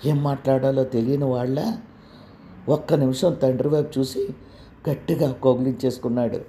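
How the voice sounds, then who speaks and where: Gravelly warm-voiced male storyteller. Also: mid-range voice, steady tone, moderate pace, slight background noise. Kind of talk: dramatic story narration.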